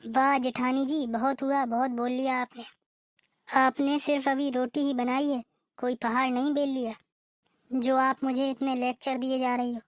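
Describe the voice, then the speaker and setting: A woman's voice: high-pitched, flat delivery, normal speed, no room sound, studio quality, natural voice. A woman voicing a cheeky, defiant younger sister-in-law in a cartoon, talking back sharply. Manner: sassy, retorting. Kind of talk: cartoon voice acting.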